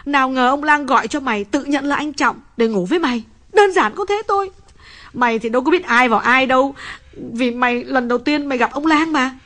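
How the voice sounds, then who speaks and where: A man reading an audiobook voices an anxious young wife who talks in rapid, shrill outbursts. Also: sharp tone. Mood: tearful. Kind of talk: audiobook character voice.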